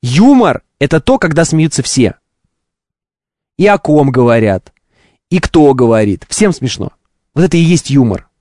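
Man, fairly high voice, very lively intonation, opinionated monologue, didactic, ironic, rhetorical questions. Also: moderate pace, long pauses, no room sound, clean studio sound. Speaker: live stream host. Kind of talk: opinionated live monologue to chat.

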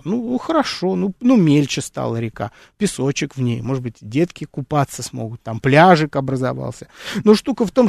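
A man's voice: a little high, mellow, no echo. Man giving a rambling nature lesson, dry sound. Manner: thinks aloud with many fillers, restarts and rhetorical questions; addresses listeners as friends. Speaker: host of an educational nature series. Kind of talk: unscripted educational talk.

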